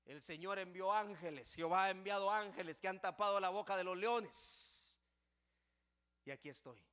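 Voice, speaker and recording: A man preaching who voices a calm, faithful servant reassuring a king, speaking low and steady. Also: moderate pace, clear, resonant tone. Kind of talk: sermon.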